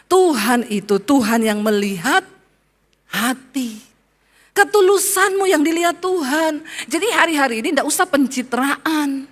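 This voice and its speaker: A middle-aged woman pastor delivers a heartfelt sermon in a high voice. She mixes personal testimony with fervent preaching, dropping to a soft murmur and then rising to a loud plea.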